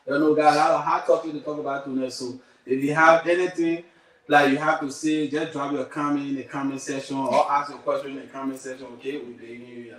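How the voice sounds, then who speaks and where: A man's voice: mid-range voice, flat delivery, fast talker, fairly bright tone. A man hosting a casual studio interview, loose and rambling, repeating himself. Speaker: interview host. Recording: echoey room, far from the mic.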